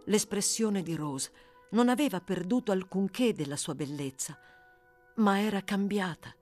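A woman reading a novel aloud, measured and expressive, with slow pauses. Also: mid-range voice. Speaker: audiobook reader. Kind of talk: scripted literary narration.

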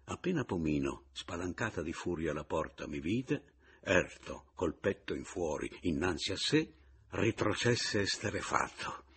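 Gravelly, husky low male narrator. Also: very animated, fairly bright tone. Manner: dramatic, deliberate reading. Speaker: audiobook reader. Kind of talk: literary narration.

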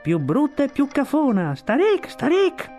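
A man voicing a rude, jeering seagull in a storybook reading, taunting in a shrill voice. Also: wildly swooping pitch, a little slow, mellow, soft background music, full character voice. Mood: mocking.

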